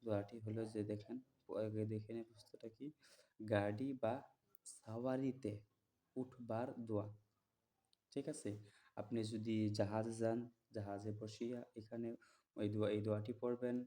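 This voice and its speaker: A man teaching listeners to memorize prayers, chanting each word slowly and repeating it, then explaining plainly and checking that they follow. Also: on the low side, level tone, dark tone. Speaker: religious teacher.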